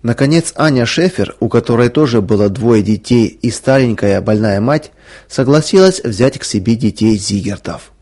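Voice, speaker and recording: A man narrating a story in a calm, earnest reading voice. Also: medium pitch, moderate pace.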